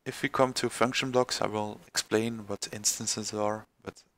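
A man presenting a screen-recorded software tutorial, halting with many fillers and restarts. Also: fairly low pitch, flat delivery.

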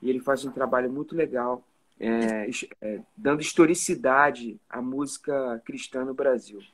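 Over a phone or webcam video call from a room in his home, a Rio de Janeiro musician in his forties chats casually about his life in Carioca Portuguese, peppering his relaxed stories with "né?". His voice sits at medium pitch with a moderate pace, and there's a little hiss or hum.

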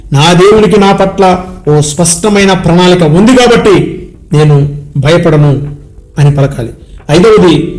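A man's voice: a little high, a little mellow. A man preaches with earnest, exhorting force. He urges listeners on and moves into prayer in a sermon delivery. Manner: earnest, exhorting, sings slow hymn lines.

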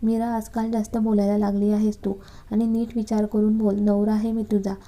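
A woman's voice: mid-range voice, completely flat delivery, normal speed, warm tone, natural voice. A woman voicing an angry, domineering young husband in a read-aloud story, with harsh, threatening commands.

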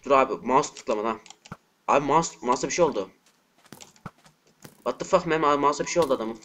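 A man giving frustrated gameplay commentary at his computer, cursing and breaking into shouts, with keyboard clicks behind him. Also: medium pitch, fairly quick, a little hiss or hum. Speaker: gaming channel host. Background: keyboard typing and mouse clicks.

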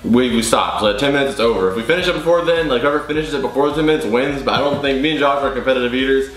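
A young man chats casually to camera as an excited food-challenge host eating sour candy. His speech is slangy and mid-pitched. The living room gives it a clear echo, with faint music behind. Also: rapid-fire. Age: 20s. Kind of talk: casual vlog chat to camera.

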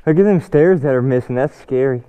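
A young man chatting casually in the woods while exploring on a dirt bike, talking in excited, laid-back slang. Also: mid-range voice, a little fast, clean tone, dry recording. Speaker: vlogger. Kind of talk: casual chat while trail riding. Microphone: helmet-mounted action camera. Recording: dull lo-fi action-cam audio, faint noise.

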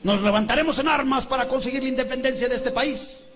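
A man playing a pompous male rebel leader who declaims slowly and grandly. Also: extremely high pitch, pitched above the performer's own voice. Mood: declaiming.

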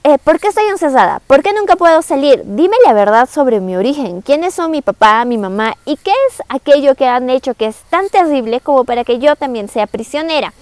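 A woman's voice: sits high, animated, brisk, few pauses, a little mellow, no echo. A woman voicing a captive teenage girl who keeps asking about her own origins in a retold story. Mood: pleading. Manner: pleading, questioning. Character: curious teenage girl, a princess's daughter kept captive.

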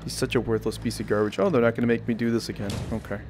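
A man's voice: mid-range voice, steady tone, racing, music in the background. Sarcastic man commentating over a game. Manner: sarcastic, profane. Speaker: gamer commentator. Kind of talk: casual gameplay commentary.

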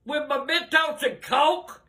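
An older woman, a grandmother with an irate, blunt, profane manner, talking casually and often shouting in a home bedroom. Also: high-pitched, slow pace. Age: older, 60s or above. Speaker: grandmother in prank videos. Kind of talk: casual reactions to pranks. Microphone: handheld phone camera a short distance away.

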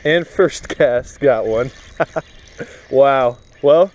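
A young fishing vlogger chats to his head-mounted action camera by a pond, relaxed and thinking aloud as he casts. His medium-pitched voice is extremely slow. Wind noise fills the outdoor audio.

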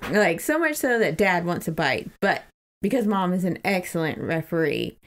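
On a podcast she co-hosts, a woman with a fairly low, very animated voice retells a book at a moderate pace. It's a casual discussion, giggly and lightly profane, with passages read aloud.

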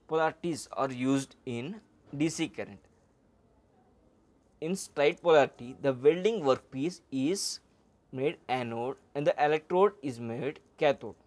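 A middle-aged man, lecturing on welding over slides, with halting speech and frequent "uh" and "okay". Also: mid-range voice. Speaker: welding instructor.

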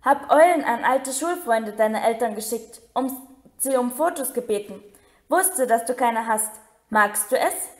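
A woman's voice: fairly high pitch, expressive, measured pace. A woman reading a sobbing remorseful giant. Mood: gruff. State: crying.

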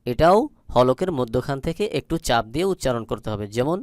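Bengali-accented guy teaching recitation, slow and deliberate, dry close sound. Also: mid-range voice, expressive, dry recording. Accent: Bangladeshi Bengali. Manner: slow, deliberate, repeats syllables drawn out. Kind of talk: spelling-out recitation lesson.

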